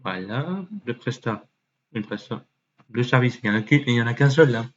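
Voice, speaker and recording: A man talking to himself as he browses, muttering, trailing off and now and then swearing. He sometimes jumps into a mock high voice. The mic sounds dull and lo-fi with a faint hiss behind him. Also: moderate pace. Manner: mutters and thinks aloud, with fillers and swearing. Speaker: YouTuber. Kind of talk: casual screen-recording commentary.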